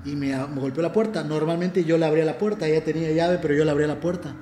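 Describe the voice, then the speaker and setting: A man's voice: fairly high pitch, steady tone, fast talker, mellow, roomy sound, a little hiss or hum. A man from Mexico with a Mexican accent, telling a personal story in casual, earnest conversation and often restarting his phrases. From Ciudad del Carmen, Mexico. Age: adult.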